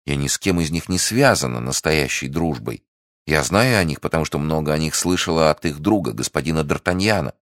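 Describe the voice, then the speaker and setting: A man voicing a scheming, manipulative French noblewoman who fakes warmth, talking in a feverish, insistent way. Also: very deep voice, lively intonation, a little fast, no room sound, studio quality. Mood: probing.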